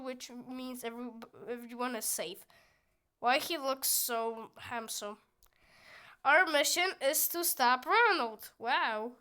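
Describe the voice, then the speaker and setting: A young female gameplay streamer with a youthful, high-sitting voice, sharp in tone yet smooth, casually comments as she plays. She reads the game's dialogue aloud, chatting goofily with squealing outbursts.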